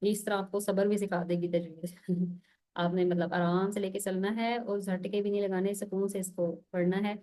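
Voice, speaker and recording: Female teacher, patient and methodical, voice at a middle pitch, sounds out letters one by one. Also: level tone, moderate pace, mellow. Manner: patient, repeats "okay" to check understanding. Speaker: Quran recitation teacher. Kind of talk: online lesson.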